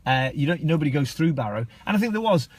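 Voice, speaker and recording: A man's voice: a little high, sing-song, fast talker, a little hiss or hum. A man hosting a casual interview, chatting with his guest and often chiming in with encouraging replies. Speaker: interviewer host.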